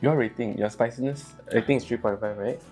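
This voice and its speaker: A man's voice: mid-range voice, brisk, darkish tone. A man with a Malaysian English accent hosting a casual food-tasting video, teasing his co-host and complaining dramatically about the spice. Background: faint background music.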